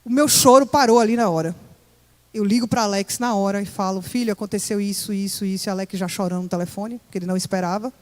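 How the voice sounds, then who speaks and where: A church member speaks fast in a medium-pitched, slightly mellow voice as she gives her testimony to the congregation, recounting her story with feeling. Long reverb fills the echoey church hall.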